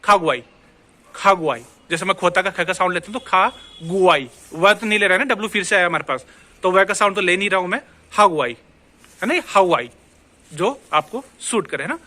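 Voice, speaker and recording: A man's voice: high voice, quick pace, pushed and bright. A man with an Indian accent teaching a casual language lesson, chatty, repeating words and checking in with the viewer. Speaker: Spanish teacher.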